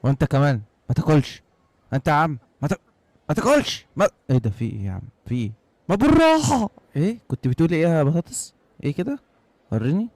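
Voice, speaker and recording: An Egyptian man chats his way through a food vlog. His delivery is jokey and animated, and he drops into mock-formal lines now and then. The voice is quick, swoops up and down, and is recorded close and dry. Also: on the high side, no echo. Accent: Egyptian Arabic. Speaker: vlogger. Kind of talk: playful food vlog commentary.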